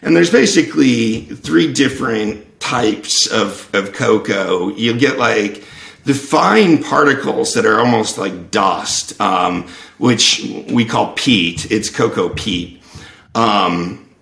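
Man, low and gravelly, talking through ideas at length; roomy echo on the mic. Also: animated, slow pace, a bit bright. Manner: thoughtful, explains at length. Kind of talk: casual conversational explaining. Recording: echoey room.

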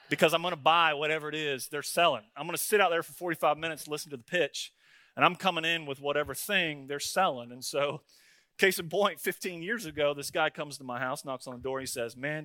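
A man's voice: on the high side, bright, forceful tone, no room sound, clean studio sound. A male pastor, preaching a folksy, story-driven sermon that he keeps punctuating with "right?" and "man.".

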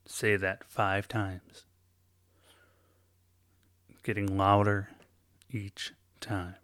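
A man giving a slow guided self-help talk, coaching listeners step by step and often checking in with "okay?". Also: fairly low pitch, flat delivery, fairly bright tone, no echo, clean studio sound.

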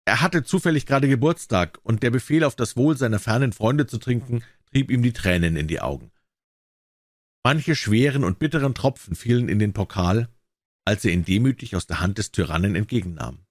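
A man's voice: medium pitch, lively intonation, a little fast, dry recording, studio quality. A man reading a classic short story aloud, telling it expressively. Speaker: reader.

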